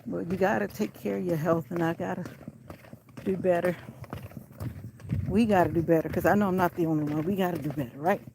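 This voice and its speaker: A woman's voice: on the low side, steady tone, fairly quick, vocal fry, long pauses, noisy background. Breathless woman walking outdoors. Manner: chatty, out of breath, encouraging. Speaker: vlogger. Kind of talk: casual walking vlog. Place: outdoors on a country road. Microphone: handheld camera while walking.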